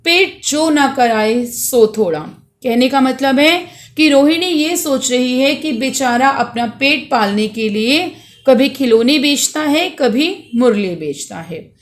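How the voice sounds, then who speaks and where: Woman teacher, high voice, slow, patiently glossing a school reading. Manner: explains words patiently, addresses students. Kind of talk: reading and explaining a school lesson.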